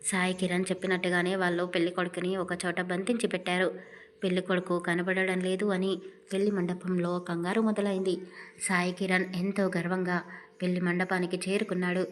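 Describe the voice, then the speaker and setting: A woman's voice: on the low side, completely flat delivery, brisk. Woman storyteller, scripted narration of a romantic audio story, emotive and dramatic delivery.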